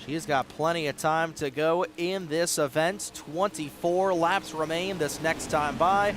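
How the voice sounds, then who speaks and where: Over the noise of race car engines, a slightly raspy male commentator rattles off quick, excitable play-by-play for an online racing league. His pitch shoots up whenever a moment gets close.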